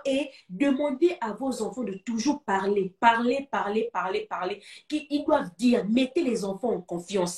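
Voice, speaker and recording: Woman, Gabonese French accent, high voice, emphatic repeated urging, echoey room, far from the mic. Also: darkish tone. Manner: emphatic, repetitive exhortations. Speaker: talk show speaker. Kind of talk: advice talk to parents.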